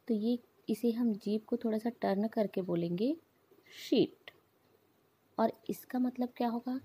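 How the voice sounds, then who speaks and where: Slow, soft-spoken woman teacher. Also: on the high side, breathy edge. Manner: slow, patient explaining with repeated examples. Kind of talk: English phonics lesson.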